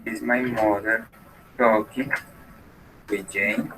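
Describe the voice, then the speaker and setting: A man's voice: fairly low pitch, steady tone, extremely slow, background noise. A man teaching an English class who explains patiently and switches between Spanish and English.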